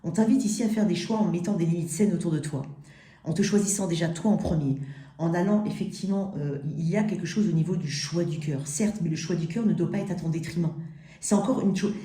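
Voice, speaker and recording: A woman's voice: fairly low pitch, fast, dark tone. A woman with a lisp on her s sounds, giving an informal tarot reading and speaking directly and intimately to the listener. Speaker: tarot reader, host. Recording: roomy, echoing sound.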